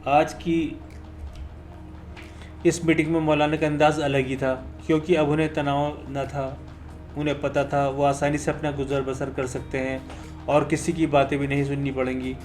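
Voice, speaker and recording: Male storyteller, steady and earnest, slightly high; soft music bed. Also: normal speed. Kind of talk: scripted motivational narration. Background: faint music.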